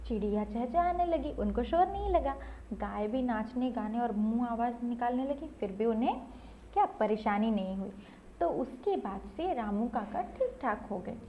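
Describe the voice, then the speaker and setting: High-voiced woman telling a children's story. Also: expressive, normal speed, dull audio, slight background noise. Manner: chatty, asks herself questions, adds "thik hai".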